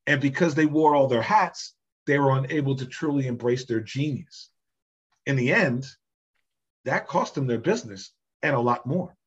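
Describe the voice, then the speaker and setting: Husky-voiced guy on a podcast, slightly muffled audio, really emphatic when he makes a point. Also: mid-range voice, normal speed. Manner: emphatic, animated storytelling. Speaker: podcast guest, business systems founder. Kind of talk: conversational podcast interview.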